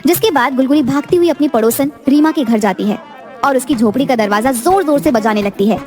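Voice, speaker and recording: A woman narrating a cartoon storybook in a steady, plain storytelling manner. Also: high-pitched, brisk, over music.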